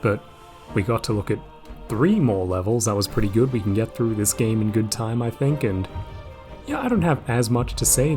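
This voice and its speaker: A man casually commenting on his gameplay in a rambling, relaxed way, with lots of fillers. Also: fairly low pitch. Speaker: let's play host. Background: game music.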